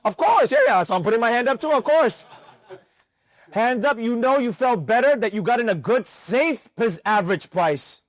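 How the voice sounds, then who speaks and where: A man teaching a live trading class, animated and constantly questioning the room. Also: extremely high pitch, fairly quick, few pauses. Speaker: trading instructor.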